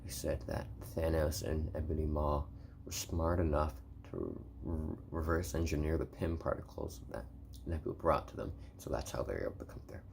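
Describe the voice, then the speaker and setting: A man speaks in a hushed, very low voice with a gravelly edge, often slipping toward a whisper. He rambles through a soft-spoken ASMR review, halting and rewording as he goes. The tone stays dark and mellow. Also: a little hiss or hum. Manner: rambling, halting, repeats and rephrases himself. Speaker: video reviewer.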